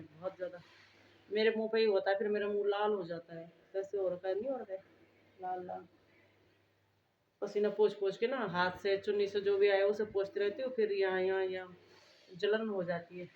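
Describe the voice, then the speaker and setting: A woman's voice: medium pitch, flat delivery, fairly quick, highs cut off, a little hiss or hum. Chatty middle-aged woman vlogging at home. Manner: chatty, homely, talks straight to viewers. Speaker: family vlogger. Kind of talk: casual chat to camera. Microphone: phone camera. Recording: echoey room with faint background ambience.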